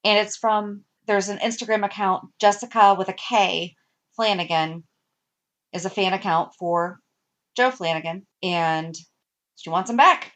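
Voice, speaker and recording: Female co-host, middle pitch, conversational, checks facts with questions. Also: a little slow, a bit bright. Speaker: podcast co-host. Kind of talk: casual chat.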